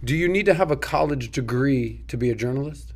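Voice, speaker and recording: Male podcast co-host, mid-pitched, asks measured, pointed follow-ups. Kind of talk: casual podcast debate. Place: podcast studio.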